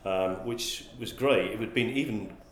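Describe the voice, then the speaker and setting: A man from England, a magazine publisher, is interviewed as a guest, his fairly low voice a bit bright and moving at a moderate pace. He responds thoughtfully, though he often begins sentences again and repeats words, and the sound is roomy and echoey.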